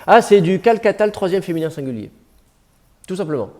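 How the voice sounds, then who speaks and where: A man's voice: high-pitched, lively intonation, a little fast, a little mellow. A man teaching biblical Hebrew to a class, with a conversational, digressive manner and joking asides. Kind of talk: classroom lecture.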